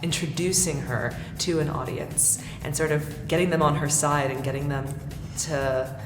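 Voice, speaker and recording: A woman with a notably deep voice gives a thoughtful interview. The hall echoes around her. Music plays clearly behind. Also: fairly even intonation, normal speed.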